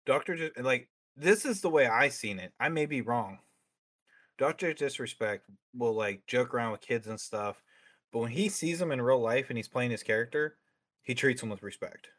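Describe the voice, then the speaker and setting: A man's voice: medium pitch, animated, moderate pace, fairly bright tone. A man being interviewed as a streamer, talking bluntly with lots of swearing and fillers. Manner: outspoken, opinionated. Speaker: streamer guest. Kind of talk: casual interview chat.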